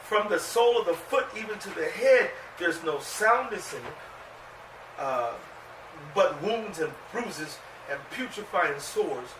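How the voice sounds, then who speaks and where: A man leading a bible study, reading scripture aloud and commenting in a loud, animated, profane way. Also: high voice, measured pace. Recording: roomy room, distant mic, background noise.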